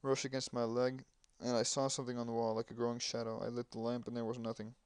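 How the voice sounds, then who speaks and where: A man's voice: medium pitch, monotone, fast, clean tone, no echo, clean studio sound. A man doing let's play commentary, reading game dialogue aloud and breaking off with sarcastic asides. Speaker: gamer playing a game.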